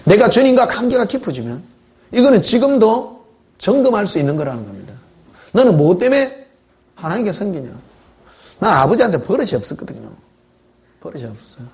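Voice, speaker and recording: A man preaching, his pitch sitting a little high and swinging widely as he talks. He preaches in a conversational, storytelling way and keeps asking the congregation questions. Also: sing-song, brisk, pauses often, a little mellow. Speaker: pastor. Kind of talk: sermon. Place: church.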